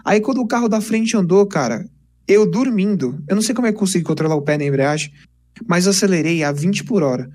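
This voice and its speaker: A young man, casually telling lively stories on a podcast. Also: sits high, fast. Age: 20s. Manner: animated, chatty, peppers speech with "cara". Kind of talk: casual storytelling chat.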